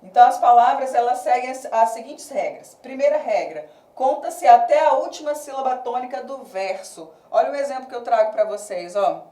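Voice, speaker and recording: A woman's voice: high-pitched, dark tone. Patient Brazilian woman teaching, echoey room. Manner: patient, explains step by step, checks in with "né?" and "tá?"; counts syllables slowly and reads verses aloud. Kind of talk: recorded remote class lesson. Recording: echoey room, distant mic.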